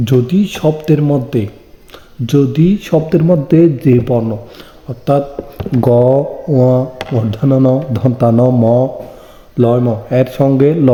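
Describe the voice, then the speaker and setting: A man's voice: mid-range voice, dark tone. A man teaching an online exam-prep lesson, explaining step by step and answering his own questions. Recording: echoey room with long reverb.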